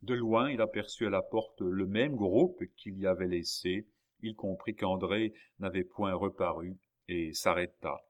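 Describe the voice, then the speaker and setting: A man narrating a classic novel in a measured way, with dramatic pauses. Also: low voice. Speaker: audiobook narrator.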